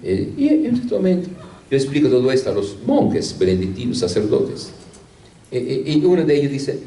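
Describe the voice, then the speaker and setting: Older priest telling stories in an echoey hall. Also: male voice, medium pitch, very animated, normal speed, mellow, a little hiss or hum. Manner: storytelling with rhetorical questions and hesitations. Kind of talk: anecdotal talk to a congregation. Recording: echoey room from a distance.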